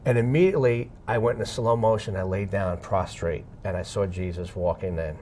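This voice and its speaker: A man's voice: fairly low pitch, fairly quick, a little hiss or hum. Man telling a dramatic testimony. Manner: dramatic, swinging between hushed and loud; acts out dialogue in his retelling. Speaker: guest sharing a testimony. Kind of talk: emotional storytelling.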